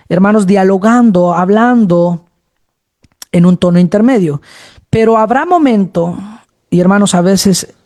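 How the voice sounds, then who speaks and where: A man preaching a sermon, speaking slowly and moving between low, middle and high tones, often addressing his listeners as brothers. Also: dark tone.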